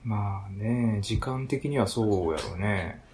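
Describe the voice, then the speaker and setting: Low-voiced Kansai man, dry teasing. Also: slow pace, darkish tone, slight background noise. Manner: dry teasing remarks, frequent backchannels. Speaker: podcast co-host. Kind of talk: casual chat.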